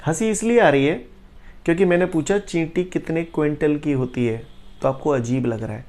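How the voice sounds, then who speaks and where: A man teaching a physics class in a jokey, teasing way, who keeps checking "clear?" his students. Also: normal speed. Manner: jokey, keeps asking "clear?" and "bolo bhaiya"; swings from low explaining to loud excited teasing. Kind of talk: classroom lecture.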